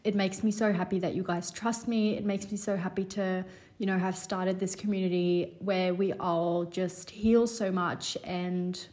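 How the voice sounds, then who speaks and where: A woman's voice: mid-range voice, steady tone, a little slow. A woman in her twenties hosting a solo podcast, talking in an earnest, rambling way with lots of fillers, a little stuffy from a cold. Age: 20s. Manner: warm, earnest, rambling with many "you know" fillers. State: slightly congested, recovering from a cold. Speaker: podcast host. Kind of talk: casual solo podcast talk.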